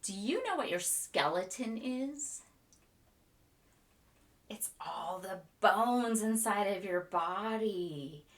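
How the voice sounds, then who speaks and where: A woman leading a children's storytime, reading a picture book aloud in a gentle, expressive way and asking the little listeners playful questions. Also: mid-range voice, takes it slowly.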